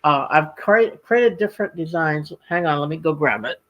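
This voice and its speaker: A man with a slightly high voice walks through craft designs in a casual demonstration. He explains as a designer would, in a halting, informal flow. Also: expressive, muffled recording. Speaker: machine embroidery designer presenting designs.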